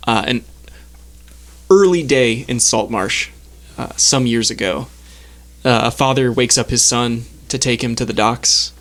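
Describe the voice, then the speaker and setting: A man's voice: medium pitch, a bit bright. A man narrating as game master of a tabletop game, rambling loosely with many fillers.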